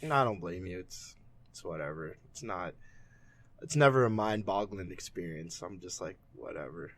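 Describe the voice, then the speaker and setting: A man's voice: sits low, expressive, normal speed. A young man co-hosting a podcast in casual chat, laid-back and shrugging things off. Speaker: podcast co-host.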